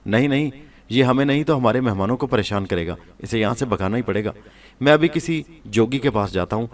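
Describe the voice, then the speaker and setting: A man's voice: mid-range voice, distant mic, natural voice. A man voicing a nervous, stubborn husband in a spoken story. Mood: worried. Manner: anxious insistence.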